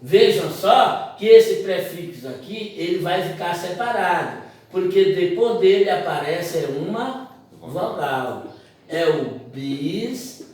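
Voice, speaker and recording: A man's voice: high-pitched, expressive, takes it slowly, a little mellow. A man teaching a grammar lesson, explaining step by step and asking the class rhetorical questions. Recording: very echoey room from far off.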